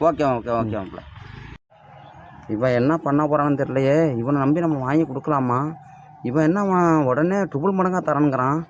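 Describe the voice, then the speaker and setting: A young man with a Tamil Nadu village accent in a casual comedy skit, excitably firing questions and scolding his friend. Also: a little high, normal speed, muffled recording, slight background noise.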